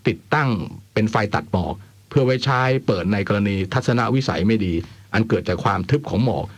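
Male radio host, slightly low voice, close dry studio sound, informal delivery, wry asides. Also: animated, a little fast, no room sound. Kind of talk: radio phone-in chat and letter reading.

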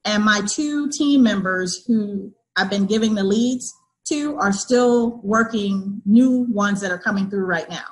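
A woman's voice: mid-range voice, unhurried, rough recording. A woman who works as a real estate broker, giving an upbeat testimonial in a storytelling way.

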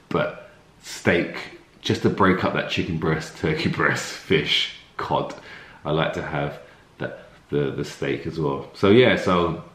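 Deep-voiced man chatting in an echoey room. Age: 30s. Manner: relaxed, chatty, many fillers and restarts. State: slightly runny nose. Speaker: fitness coach answering viewer questions. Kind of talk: casual Q&A vlog. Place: room at home, indoors.

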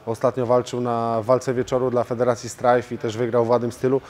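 A man who is a professional fighter and coach, answering interview questions in a steady way with frequent hesitation fillers, recorded in a martial arts gym. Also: mid-range voice, brisk.

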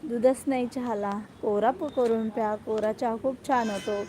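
A woman's voice: a little high, measured pace, dark tone, slight background noise. A woman hosting a live stream in casual chat, greeting viewers by name and teasing them playfully. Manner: playful, jokes about herself.

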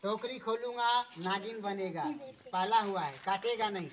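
On an outdoor village street, a man performs as a street magician and snake showman, loudly coaxing onlookers, giving orders, and repeatedly calling for claps in his show patter. His voice is high-pitched at normal speed. He is far from the mic, with a loud crowd of onlookers all around.

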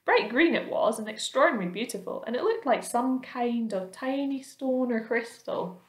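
A woman's voice: fairly high pitch, lively intonation, normal speed, pitched above the performer's own voice, close to an everyday voice. A woman voicing a boastful, rascally male centipede in a children's story, brash, bossy and exclamatory. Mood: excited. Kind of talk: children's storybook read aloud. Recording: roomy, echoing indoor sound.

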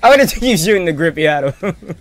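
With music and game audio in the background, this man streams gameplay and comments casually, swearing and using slang as he talks to himself. His voice is on the higher side, expressive, and a little quick.

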